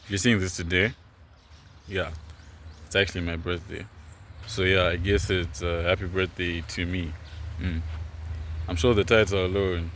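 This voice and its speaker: Deep-voiced young man from Zimbabwe. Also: fairly bright tone, low-quality recording. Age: 20s. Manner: rambling, filler-heavy, earnest. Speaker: vlogger. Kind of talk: casual talk to camera. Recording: noticeable background noise, rain.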